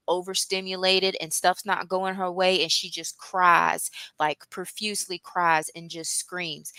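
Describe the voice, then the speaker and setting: Woman guest speaker, low and smooth, calm teaching delivery. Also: dry recording. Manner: earnest, explanatory, calm, with frequent ums. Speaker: guest speaker on mental health. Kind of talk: teaching talk at a church.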